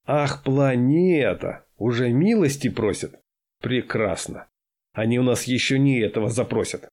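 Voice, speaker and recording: A man voicing a bossy, blustering male starship tactician who barks orders loudly. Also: mid-range voice, measured pace. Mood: commanding. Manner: barks orders, loud and self-assured.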